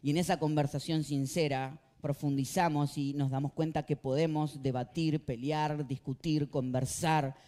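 A male pastor with a Rioplatense Spanish accent, preaching a sermon with passion and swinging between quiet talk and loud outbursts. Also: a little high, fairly even intonation, moderate pace, hardly any pauses. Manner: impassioned, swings from quiet to shouting.

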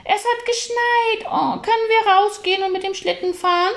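A woman voicing an excited little boy in a storybook reading, with high, eager exclamations. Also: normal speed.

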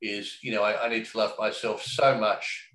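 This man's voice is lowish and a little bright, delivered flatly at a normal speed. He chats casually and thoughtfully, wandering off on tangents full of fillers and the odd curse, and the room around him echoes.

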